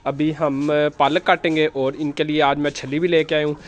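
A man, filming his rooftop chickens on a handheld phone and gently guiding children as they feed the birds. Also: fairly high pitch, level tone, moderate pace. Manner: gentle, instructive, often coaxing the children. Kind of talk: casual narration while filming, talking to children. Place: outdoor rooftop with chicken coops. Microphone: handheld phone camera, first-person.

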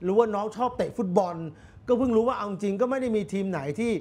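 A man hosting a casual talk show, chatting bluntly with a guest and dropping many quick agreements. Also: high voice, creaky, darkish tone. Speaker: podcast host. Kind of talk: casual chat.

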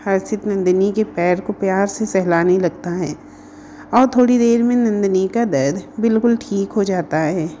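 A woman narrates a scripted story in a steady, even reading voice. Her tone is mellow and dark, and a faint noise runs beneath it. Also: medium pitch, normal speed.

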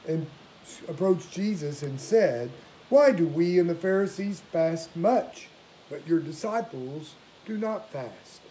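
Man in his sixties, priest, slightly raised pitch, formal and measured, solemn liturgical reading, light background hiss. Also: animated, dark tone, poor audio. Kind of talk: liturgical prayer and scripture reading. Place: small domestic room indoors. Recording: faint background hiss, home recording.

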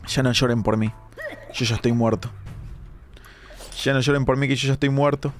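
A young man, hoarse from a sore throat, giving animated live-stream gameplay commentary with dramatic outbursts. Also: mid-range voice, normal speed, faint music behind. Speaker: gaming streamer.

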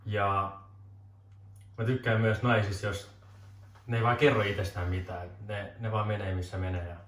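A man in his twenties as a guest giving deadpan mock answers in a casual joking interview, often cracking up, in a small room. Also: fairly low pitch. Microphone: camera mic from a distance. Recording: roomy distant camera audio.

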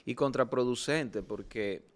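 A man's voice: medium pitch, unhurried. A man with a mid-range voice chimes in as co-host during a casual chat. He speaks in short interjections. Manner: brief interjections.

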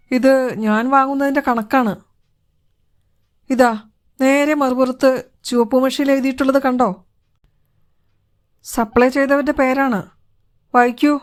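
A woman reading as a gruff, irritable male dealer. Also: high voice, fairly even intonation, slow pace, long pauses, voice pushed up. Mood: brisk. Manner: brusque, scolding.

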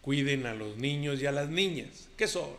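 A man's voice: a little high, expressive, normal speed, fairly bright tone. A Mexican man hosting a comedy video, signing off in a folksy, friendly way. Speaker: comedian host. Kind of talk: casual sign-off.

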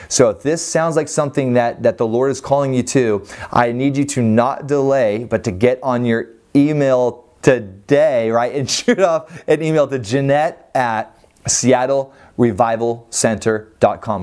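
A man's voice: medium pitch, darkish tone. A man in his thirties, a ministry school leader, urging viewers earnestly to take action in a promotional talk to camera. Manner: earnest, urging, gestures while talking. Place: indoor living-room style set. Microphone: lapel mic.

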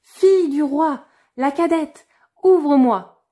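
A woman voicing a pleading, insistent little frog at a well in a fairy-tale reading, calling out high and loud. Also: moderate pace, lightly acted. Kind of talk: storybook reading.

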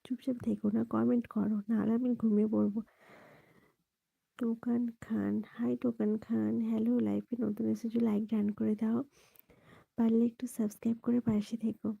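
A woman from West Bengal hosting a late-night live stream from home on her phone, talking softly and hushed while she greets viewers by name and asks them to like and subscribe. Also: on the high side, flat delivery, brisk, gravelly, husky, no room sound, narrow, tinny audio. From West Bengal, India. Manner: soft, hushed talk near a whisper.

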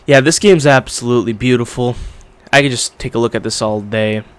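A young man hosting a gaming channel talks a little fast in a mid-range voice, recorded cleanly, during casual let's-play commentary. He's slightly stuffed up from a recent illness he's recovering from, and he speaks with a swollen lip.

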